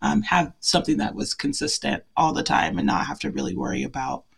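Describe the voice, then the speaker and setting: A woman's voice: extremely low pitch, fairly quick, creaky, slightly rough. A woman from Portland, Oregon, chatting as an interview guest in a bubbly, giggly, self-deprecating way. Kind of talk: casual interview chat.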